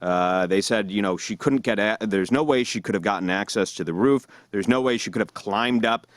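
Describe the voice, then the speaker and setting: A man hosting a podcast, telling stories in casual chat and jumping high in pitch when he mimics other people. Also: brisk, dry recording, clean studio sound. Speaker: podcast host.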